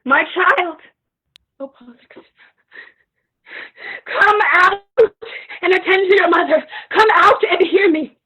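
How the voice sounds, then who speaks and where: A woman's voice: high-pitched, slow pace, fairly bright tone, rough recording. An actress playing an old widowed queen turned slave, lamenting with crying in her voice. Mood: wailing grief. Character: old widowed enslaved queen, grief-stricken. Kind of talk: stage play reading.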